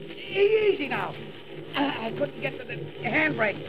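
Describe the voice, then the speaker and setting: An actor playing a scrappy, folksy railroad man in an old radio drama, halting as if his lungs are full of smoke. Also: very high voice, very animated, a loud crowd, exaggerated voice. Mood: smoke-choked, straining. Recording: noisy, lo-fi old radio recording.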